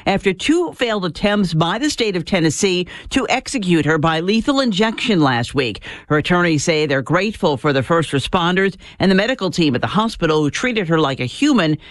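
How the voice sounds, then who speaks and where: A man reads a scripted radio newscast as anchor. His voice sits high for a man, and the sound is very dry, with no room around it. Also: fairly bright tone, no echo. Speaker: news anchor.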